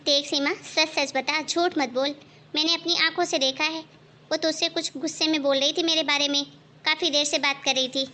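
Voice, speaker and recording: A woman's voice: high-pitched, fairly even intonation, moderate pace, sharp tone. A woman voicing a proud, suspicious elder daughter-in-law who looks down on her younger rival. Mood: scheming. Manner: haughty, suspicious, gossiping.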